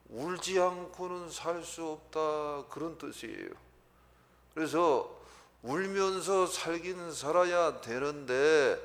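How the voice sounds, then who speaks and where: Gravelly-voiced male pastor preaching. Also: on the high side, a bit bright. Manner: preaching with repetition and congregation call-and-response. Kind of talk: Sunday sermon. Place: church sanctuary.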